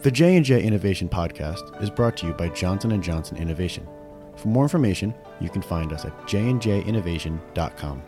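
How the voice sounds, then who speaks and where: Deep-voiced man reading a sponsor credit. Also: lively intonation, quick pace, hardly any pauses, mellow, soft background music. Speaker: announcer. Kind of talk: scripted sponsor read.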